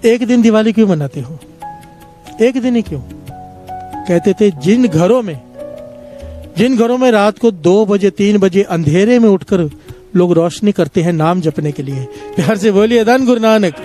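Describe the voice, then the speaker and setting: A man with a high-pitched voice preaches a devotional sermon, telling simple parables to the congregation. He keeps stopping to lead a call-and-response chant. Soft music sits faintly in the background. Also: expressive, normal speed. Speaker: satsang preacher.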